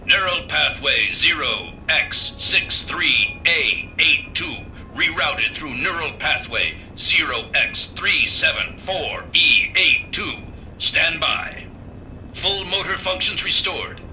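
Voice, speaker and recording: A man's voice: on the high side, expressive, slow pace, bright, forceful tone, a little hiss or hum, heavily acted, rough recording. A man voicing a malfunctioning male medical robot that reads clipped system announcements and stumbles into error messages. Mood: glitchy procedural. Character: glitching male medical robot, flat and procedural. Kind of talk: video game character dialogue.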